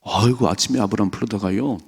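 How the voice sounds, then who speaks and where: 갈라지고 허스키한 낮은 목소리의 남자 목사. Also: male voice, lowish voice, fast, creaky, darkish tone, breathy edge. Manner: emphatic, acts out dialogue in a raised voice. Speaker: pastor. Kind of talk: early morning sermon. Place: church sanctuary.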